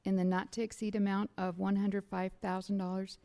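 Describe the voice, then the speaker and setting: A woman's voice: medium pitch, brisk. A woman serving as city clerk, reading motions and recommendations aloud at a council meeting. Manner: reads motions and recommendations in a steady procedural tone. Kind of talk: formal meeting procedure.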